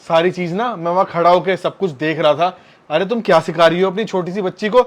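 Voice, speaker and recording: A man's voice: sits high, fairly even intonation, a little fast, natural voice. A man acting as a stern tutor who scolds a mother and daughter in a short drama skit. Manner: scolding, lecturing. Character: stern, moralizing male tutor. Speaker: tuition teacher.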